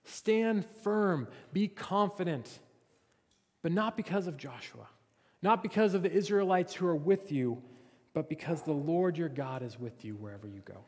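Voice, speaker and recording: A male pastor delivers an earnest, expository sermon. His voice sits high for a man. The recording carries the long, ringing reverb of a church sanctuary. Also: a little mellow.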